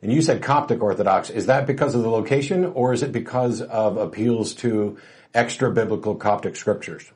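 A man hosting a call-in show, telling stories in a wry, relaxed way with plenty of fillers, turning emphatic when he argues a point. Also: fairly low pitch, brisk. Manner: grows emphatic and lively when arguing. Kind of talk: casual call-in talk.

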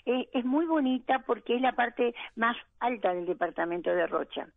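A woman's voice: on the high side, lively intonation, normal speed, vocal fry, no room sound. A woman talking over a crackly phone line with interference, hesitant with many filler words, as a business founder in a phone interview. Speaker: founder of a family food business.

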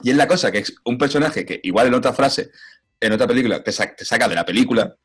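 A man in casual film chat, animated and lively, acting out movie lines in put-on voices. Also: mid-range voice, fast talker, slightly rough, soft background music.

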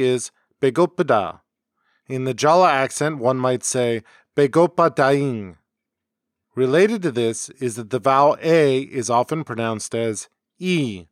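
Man reading a measured language lesson. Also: mid-range voice, dry recording, studio quality. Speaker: podcast host. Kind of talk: scripted educational narration. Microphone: close home mic.

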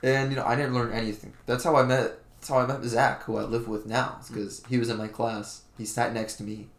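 A man's voice: mid-range voice, level tone, fairly quick, echoey room. A young man from Florida co-hosting a podcast, talking in a laid-back, rambling way with lots of fillers. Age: young adult. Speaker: podcast co-host. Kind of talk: casual chat.

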